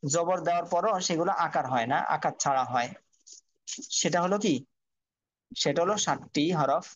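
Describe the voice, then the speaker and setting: A man's voice: on the high side, moderate pace, muffled recording, a little hiss or hum. A man teaching Quran reading online, patiently spelling out Arabic letters and drilling each sound.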